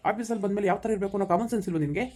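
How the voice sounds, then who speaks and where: Woman playing a fast-talking scolding male boss. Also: mid-range voice, a little mellow, natural voice. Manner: scolding, lecturing. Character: stern male office boss, middle-aged. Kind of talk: village skit acting.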